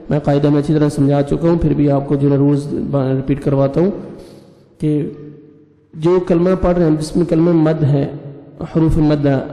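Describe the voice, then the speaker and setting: A man teaching Quran reading. He spells out letters and vowel marks one by one, then recites each word slowly in a drawn-out chant. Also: a little high, warm tone. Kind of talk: slow spelled-out recitation lesson. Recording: echoey room with long reverb.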